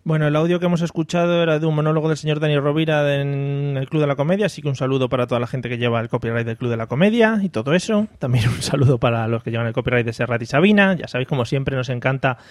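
A man's voice: mid-range voice, fast talker, few pauses, no room sound, studio quality. A man hosting a casual podcast chat, joking and laughing often. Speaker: podcast host.

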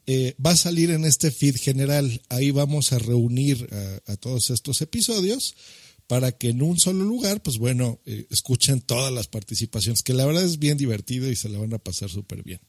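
A man talking casually in a podcast, mid-pitched and unhurried. He explains things at length, full of fillers and hesitations. The sound is very dry and close, with no room echo. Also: expressive, darkish tone. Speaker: podcast event co-organizer.

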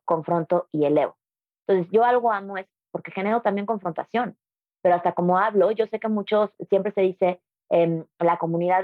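A woman's voice: lowish voice, no room sound, phone-quality sound. A woman with a Mexican accent, a yoga teacher talking as a guest in a casual interview, emphatic and conversational.

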